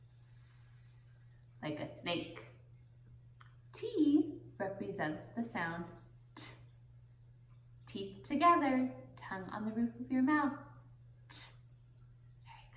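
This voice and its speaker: A young woman speaks slowly to small children, as a teacher giving a phonics lesson. Her delivery is singsong and deliberate, with pauses for repeating. The room adds noticeable echo around her medium-pitched voice. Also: a bit bright. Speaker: preschool teacher. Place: indoor classroom, seated on the floor. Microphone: camera a few metres away. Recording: roomy echo from camera distance.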